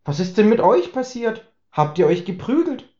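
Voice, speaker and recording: Happy fussy older mom done by a guy in a high voice, roomy dull sound. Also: big pitch swings, normal speed, darkish tone. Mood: cheerful. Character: cheerful older mother in apron. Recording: roomy, slightly dull recording.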